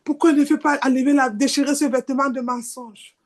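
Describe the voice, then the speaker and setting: A woman preaching a lively sermon, acting out little scenes, shouting some lines and whispering others. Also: high voice, brisk. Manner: animated, shifts between shouting and near-whispers, acts out voices.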